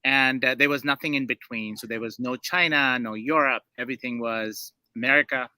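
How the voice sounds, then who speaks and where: A man from Saudi Arabia answers interview questions in a measured, hesitant way, pausing often on fillers. His voice is very bright and forward, recorded close and dry with no room sound. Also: medium pitch, fairly even intonation, clean tone, no room sound. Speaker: guest.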